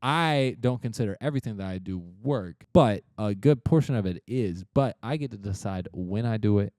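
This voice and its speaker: Low-voiced man with a Southern Kentucky accent. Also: lively intonation, moderate pace, a little mellow, no room sound, clean studio sound. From Southern United States. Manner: playful, teasing. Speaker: podcast co-host and content creator. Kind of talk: casual banter.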